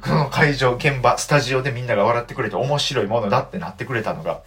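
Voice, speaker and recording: A young man with a Kansai accent telling stories on his solo talk show, animated and mock-outraged in his asides. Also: medium pitch, quick pace. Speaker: comedian and podcast host.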